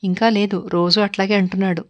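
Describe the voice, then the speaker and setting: A woman narrating a family story in the first person, steady and unhurried. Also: mid-range voice.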